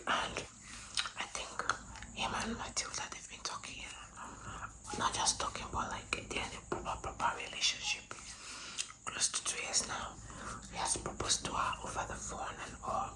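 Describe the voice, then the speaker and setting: A woman's voice: a little slow, long pauses, poor audio. Whispering woman telling gossipy ASMR stories. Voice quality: breathy, mostly unvoiced whisper. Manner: repeats words and phrases; informal, animated gossiping friend. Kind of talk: whispered ASMR storytelling, gossipy retelling of a show.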